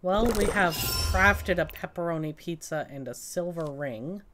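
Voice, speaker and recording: A woman's voice: on the low side, measured pace, a bit bright. A woman streaming a game, reading its text aloud and chatting casually with a co-host. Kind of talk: casual gaming stream chat. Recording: game music playing behind.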